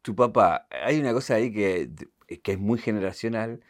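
A man's voice: fairly low pitch, normal speed. A man interviewing a comedian in a casual chat, laughing along and prompting him.

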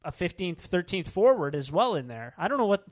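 Animated man in casual sports chat. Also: high-pitched, a little fast. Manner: animated, rambling with restarts. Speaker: podcast co-host.

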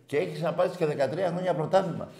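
A man hosting a call-in sports radio show, loud and mocking as he argues with callers. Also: a little high, reverberant. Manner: loud, shouting and mocking rival fans. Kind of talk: heated call-in sports banter.

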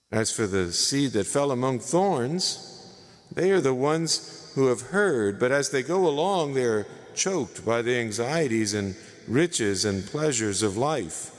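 A man reading the gospel aloud at Mass, slow and measured, in a large church with a cathedral echo. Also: mid-range voice. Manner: slow, measured, solemn delivery. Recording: long church reverb.

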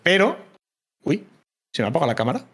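A man from Murcia with a Murcian Spanish accent, chatting casually over a video call, relaxed and swearing freely. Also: a little high, brisk, breathy edge. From Murcia, Spain. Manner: relaxed, swears freely, many fillers and restarts. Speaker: streamer guest. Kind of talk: casual chat.

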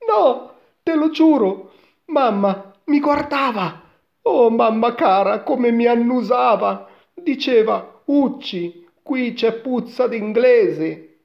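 A naive, excitable little boy squeals in a shrill high voice that leaps all over the place. The recording sounds dull and lo-fi. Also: slow pace, gravelly, heavily acted. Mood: excited, frightened.

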